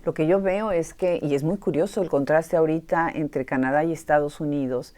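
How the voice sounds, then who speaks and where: A woman's voice: sits low, steady tone, fairly quick, warm tone. A woman hosting a podcast interview in person at a university, welcoming and enthusiastic with her guest. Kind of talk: casual interview conversation.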